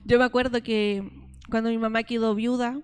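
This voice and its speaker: Woman, Chilean accent, 30s, high voice, testimonial sermon, storytelling. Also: flat delivery, normal speed, clean tone. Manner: storytelling, speaks directly to listeners as sisters. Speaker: preacher addressing a women's church group.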